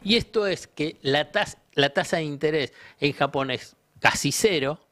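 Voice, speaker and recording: A man's voice: on the high side, measured pace, a bit bright. A man with an Argentine accent, a guest economist on a talk show, explaining ideas didactically by asking questions and answering them himself. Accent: Argentine Spanish.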